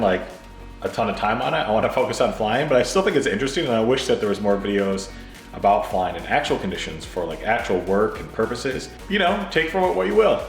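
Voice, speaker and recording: A low-voiced American man talks quickly and informally, as if thinking aloud for a casual vlog. The room is echoey, with faint music behind him. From Michigan, United States. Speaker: pilot video blogger.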